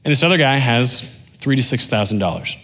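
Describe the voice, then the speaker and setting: A male pastor delivering a sermon in a loose, conversational style. He jokes with his listeners and calls for amens. Then he slows down into quiet, intense emphasis, and his voice sits at an ordinary middle pitch. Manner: animated, joking, conversational preaching that drops to quiet intensity.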